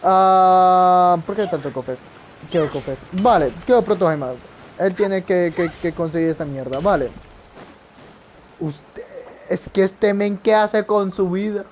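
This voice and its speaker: Excitable, foul-mouthed male gamer. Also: high-pitched, unhurried, a little hiss or hum. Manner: profane, excitable, blurts sound effects. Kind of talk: casual gameplay commentary.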